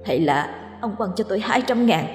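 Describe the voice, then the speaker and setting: A woman voicing the vengeful ghost of a young woman who speaks softly and accusingly in a ghost story. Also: mid-range voice, lively intonation, normal speed, echoey room, big-room sound, soft background music, natural voice. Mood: bitter.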